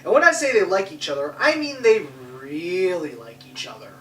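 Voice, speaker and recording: A young woman recaps a movie with sarcasm and swearing in a comedic review. Her pitch moves a lot. The recording is echoey and far from the mic. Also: wildly swooping pitch, moderate pace, fairly bright tone, a little hiss or hum.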